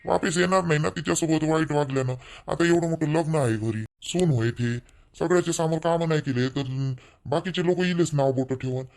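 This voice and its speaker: A man's voice: fairly high pitch, a little fast, vocal fry, a little mellow. A man voicing an anxious young husband, making worried, helpless appeals.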